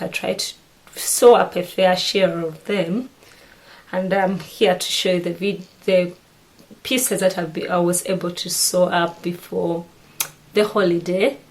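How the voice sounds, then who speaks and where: A woman's voice: on the low side, a little slow, rough recording. A middle-aged woman from Uganda with a Ugandan accent, chatting to camera about her sewing and often restarting her sentences. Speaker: sewing vlogger. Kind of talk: casual chat to camera.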